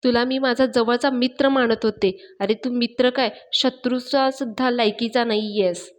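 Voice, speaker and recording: A woman's voice: on the high side, fairly even intonation, normal speed, lightly acted. Woman voicing a betrayed, tearful young woman. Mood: reproachful. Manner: reproachful.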